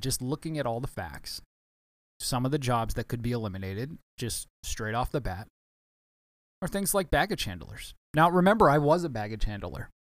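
A man's voice: medium pitch, dry recording. A man hosting a casual solo podcast, talking in a rambling way with many restarts and self-corrections, sounding a bit tired. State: tired, yawning. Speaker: podcast host, former baggage handler.

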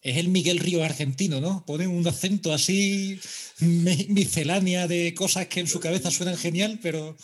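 A man's voice: sits high, fairly even intonation, normal speed, breathy edge. A man co-hosting a podcast, chatting casually with emphatic, wry asides. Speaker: podcast co-host. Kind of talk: casual chat.

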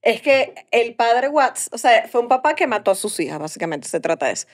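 A Venezuelan woman co-hosting a podcast, chatting casually and tossing in quick joking remarks. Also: on the high side, sing-song. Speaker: podcast co-host. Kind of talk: casual chat.

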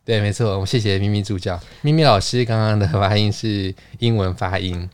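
A man's voice: on the low side, a little fast, smooth, no echo. A man hosting a casual podcast, playful and chatty, explaining words at length with frequent laughs. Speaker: podcast host. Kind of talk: casual chat.

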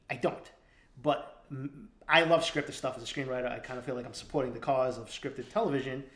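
A man's voice: medium pitch, fairly bright tone. A man hosting a podcast in casual chat, rambling and laughing often. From East Boston. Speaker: podcast host. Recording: roomy echo.

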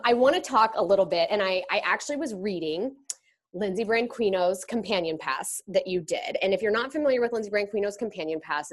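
A woman hosting a casual interview, talking in an effusive, chatty way. Her voice has a middling pitch, and she often jumps up in bursts of enthusiasm before settling back down. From grew up in the rodeo world. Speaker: podcast host.

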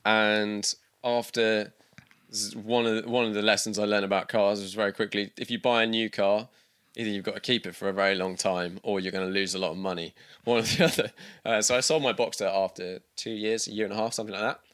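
Low, bright-voiced British man. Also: fairly even intonation, brisk, clear, resonant tone. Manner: rambling, many restarts and fillers. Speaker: guest. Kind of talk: casual interview chat.

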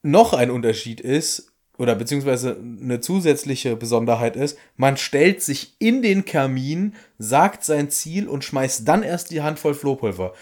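A man's voice: medium pitch, animated, unhurried, darkish tone. Man chatting casually as co-host. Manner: detail-minded, comparing film with book. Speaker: podcast co-host. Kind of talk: casual chat.

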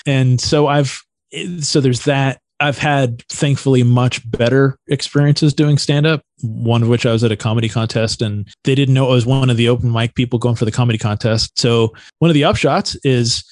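A man shares a stand-up comedy anecdote in a relaxed, slang-heavy way. His voice sits at an ordinary middle pitch. The sound is close and dry, with no room in it. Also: normal speed, few pauses, dry recording. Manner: loose, slangy, animated anecdote telling. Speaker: podcast guest, stand-up comedian. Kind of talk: casual storytelling.

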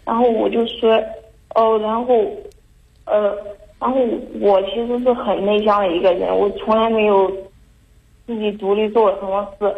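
A young woman calls in to a talk show and talks in a halting, anxious way, restarting her sentences again and again. Her voice stays flat and even. The sound is dull and lo-fi, as over a phone line. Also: mid-range voice. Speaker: caller. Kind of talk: call-in confession.

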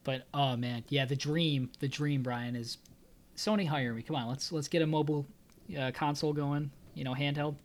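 A man's voice: a little high, fairly even intonation, moderate pace. Laid-back man co-hosting a podcast. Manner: laid-back, enthusiastic, slangy. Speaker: podcast co-host. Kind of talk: casual chat.

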